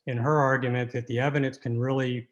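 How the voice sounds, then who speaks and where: Man, appellate lawyer, courtroom oral argument, medium pitch, halting and argumentative delivery. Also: flat delivery, lo-fi sound. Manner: halting, argumentative, repeating words as he goes.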